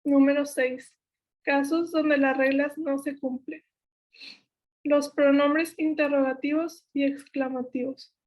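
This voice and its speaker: Young woman, Mexican Spanish accent, high voice, even monotone, methodical workshop teaching. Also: slow. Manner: steady list-like delivery, self-corrects. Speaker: workshop instructor. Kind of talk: explaining spelling rules.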